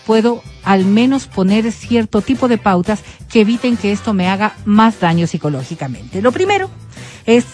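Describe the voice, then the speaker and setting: A woman on a talk show explaining step by step in a measured way. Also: mid-range voice, very animated, darkish tone, faint music behind.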